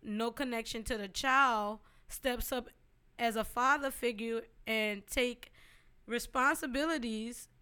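A woman co-hosting a casual podcast chat, emphatic and animated, often talking over her partner. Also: on the high side, takes it slowly, clean tone. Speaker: podcast co-host. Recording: hip hop music playing loud behind.

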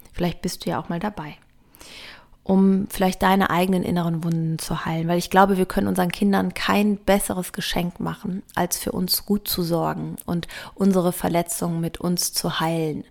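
A woman hosting a podcast and giving parenting advice in a calm, earnest monologue, talking through her points one by one. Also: on the low side, vocal fry. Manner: earnest, reflective, lists points calmly. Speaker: podcast host and parenting author.

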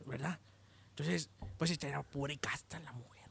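A man telling jokes in casual chat, animated and shouting the punchlines. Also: on the high side, moderate pace, vocal fry, breathy edge. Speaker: joke teller.

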